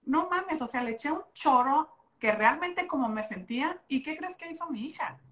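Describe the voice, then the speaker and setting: A woman with a Mexican accent, co-hosting a casual chat about motherhood and telling stories in an animated, slangy way. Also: sits high, moderate pace, slight background noise. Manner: animated storytelling, slangy, expressive. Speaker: podcast co-host.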